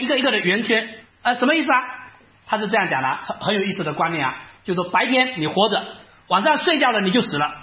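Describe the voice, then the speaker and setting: Man, sermon, animated rhetorical questions, roomy echo, muffled. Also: very high-pitched. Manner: animated, acts out listeners' doubts, frequent rhetorical questions. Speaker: preacher. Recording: echoey room, slightly dull sound.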